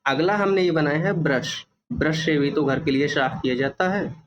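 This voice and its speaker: A man teaching a children's English workbook, slowly repeating words and their meanings. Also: on the high side, poor audio. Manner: slow, repeats each word and meaning for children.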